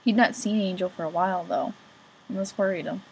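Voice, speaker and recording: Lady reading a book chapter out loud, kinda gravelly, faint hiss behind. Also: mid-range voice, steady tone, a little fast, low-quality recording. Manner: casual, swears and jokes at her own slips. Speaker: amateur audiobook reader. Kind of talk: reading a novel chapter aloud.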